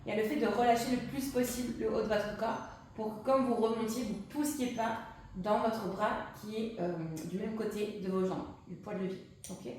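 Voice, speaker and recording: A woman leads a pilates session, counting reps and calling each breath as she works through the moves herself. Her voice sits high. She is picked up from a distance in a strongly echoing room. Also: steady tone, moderate pace, darkish tone, slight background noise. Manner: cues breathing and counts reps while exercising along. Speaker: pilates instructor. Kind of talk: guided workout instruction. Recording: echoey room, distant mic.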